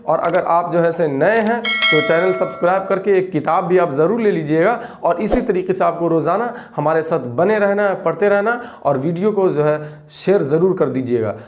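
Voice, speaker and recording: Guy with a highish voice teaching quran reading, spells out syllables slow and repeats them. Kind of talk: recorded reading lesson.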